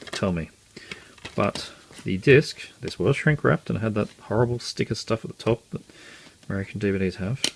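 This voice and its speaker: A collector vlogger shows off his collection in a casual, rambling show-and-tell full of ums, uhs and wry, self-mocking asides. His voice is low and creaky, with a little hiss or hum on the recording.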